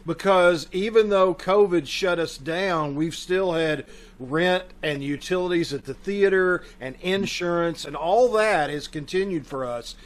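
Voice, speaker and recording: Speaking a little slowly, a man with a voice a bit higher than most hosts for a community theater troupe. He offers a relaxed welcome on a video call, talking informally and directly to his audience.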